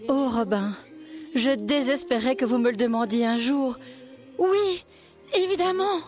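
A lovesick young noble lady with a high, slow, imploring voice, as a woman acts her. Faint music runs behind the storybook scene. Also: darkish tone. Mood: swooning. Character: young noble lady in love, pleading and swooning.

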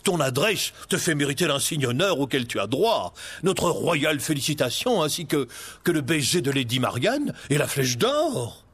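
A man's voice: a little high, very animated, fairly bright tone, slightly rough, exaggerated voice. A man voicing a pompous, cruel prince who mocks and drawls in a storybook reading. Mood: grand. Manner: sneering, theatrical, drawn-out. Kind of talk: storybook read-along.

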